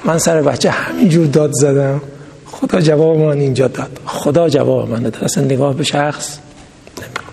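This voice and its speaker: Gravelly man teaching in a hall. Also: a little high, steady tone, mellow. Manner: reads text then explains in colloquial speech with stories. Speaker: religious teacher. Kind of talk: religious lecture. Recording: long hall reverb.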